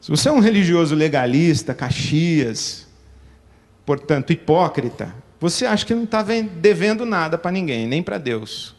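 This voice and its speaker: A man with a Brazilian accent giving an animated, sardonic talk, acting out little scenes as he goes. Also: fairly high pitch, normal speed. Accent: Brazilian Portuguese. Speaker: speaker. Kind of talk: critical talk on religion.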